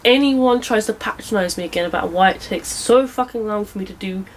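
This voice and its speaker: A woman's voice: medium pitch, fairly quick, a little hiss or hum, rough recording. A young woman, vlogging casually while building a motorcycle in a cluttered shed, blunt and sweary, talking to herself as she works.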